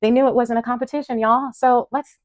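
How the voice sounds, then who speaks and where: A woman's voice: on the high side, fairly even intonation, a little fast, no echo. A young woman speaking to camera at home, defiant and frank, with bursts of laughter between her points. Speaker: vlogger. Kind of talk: impassioned commentary to camera. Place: room at home in front of a wall of photos.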